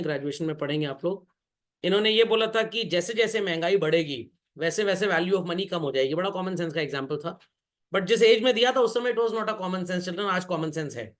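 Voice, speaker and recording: A male teacher giving a classroom lecture, joking and quizzing the class as he goes, often calling the students children. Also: high voice. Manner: jokey, keeps addressing the class as children; asks the class quick questions. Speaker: commerce teacher.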